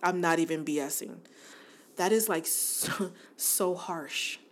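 Casting: woman, 40s, podcast host, warm chatty delivery, slightly low voice, laughs easily. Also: takes it slowly, slight background noise. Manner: chatty, laughs often, addresses listeners as y'all. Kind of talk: casual podcast monologue.

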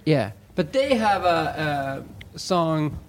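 Hesitant Swedish man, slightly higher voice. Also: animated, slow, slight background noise. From Sweden. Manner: hesitant, searching for words with many fillers. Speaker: guest. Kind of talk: casual chat.

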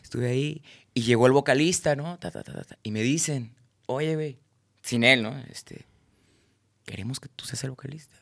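A man's voice: medium pitch, normal speed, creaky, a bit bright, dry recording, clean studio sound. A man with a Mexican accent, a singer-songwriter guest telling rambling, slangy anecdotes and acting out his friends' lines. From Tabasco, Mexico. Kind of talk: casual storytelling interview.

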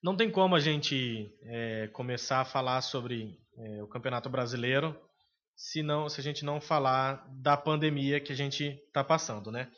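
Co-hosting a laid-back sports podcast, a man with a Brazilian Portuguese accent is opinionated yet hesitant, pausing frequently with fillers. His voice is mid-range and fairly bright, and the sound is lo-fi.

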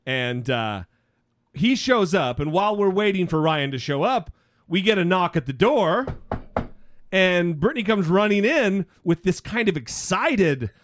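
A man's voice: high voice, big pitch swings, unhurried. A man with an American accent hosting a casual podcast, telling stories in a joking, rambling way. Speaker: host.

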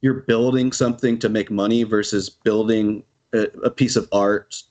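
A man's voice: fairly low pitch, fairly even intonation, normal speed, darkish tone. A man casually chatting about video games on a podcast, rambling and laughing often, with casual swearing.

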